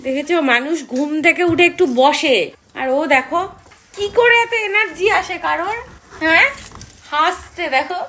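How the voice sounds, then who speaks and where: A woman's voice: very high-pitched, moderate pace, bright, forceful tone. A woman, chatting casually to viewers in a family vlog and playfully scolding her kids. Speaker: family vlogger, mother. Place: family home indoors.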